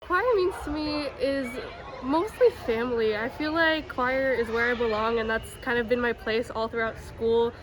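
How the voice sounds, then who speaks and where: A woman's voice: a little high, normal speed, noisy background. A teenage girl giving a casual, sincere interview answer as a student.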